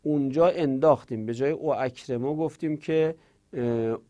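A man teaching Arabic grammar in a Persian-language class, explaining patiently with filler pauses and rattling off conjugation tables in quick drilled runs. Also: mid-range voice, mellow. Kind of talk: classroom lecture on verb conjugation.

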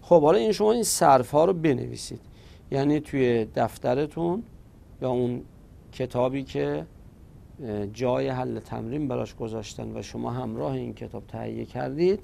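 A man with a gravelly, mid-pitched voice walks through a recorded grammar lesson. He drills each verb form patiently and repeats them one after another. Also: dark tone, a little hiss or hum. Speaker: Arabic grammar teacher.

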